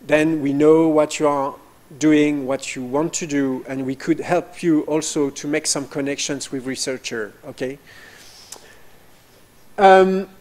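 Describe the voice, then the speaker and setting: A man with as his presenting a doctoral program at an information session, halting with frequent fillers. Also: a little high, darkish tone. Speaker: program director.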